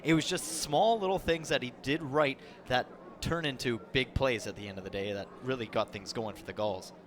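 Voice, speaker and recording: A man's voice: mid-range voice, normal speed, fairly bright tone. Male baseball commentator, noisy ballpark. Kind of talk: conversational sports commentary. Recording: clear outdoor ambient noise.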